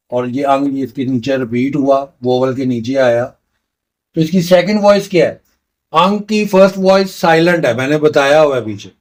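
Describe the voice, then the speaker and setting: A man teaching a beginner language lesson, patiently repeating each sound step by step. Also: mid-range voice. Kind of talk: slow explanatory lesson.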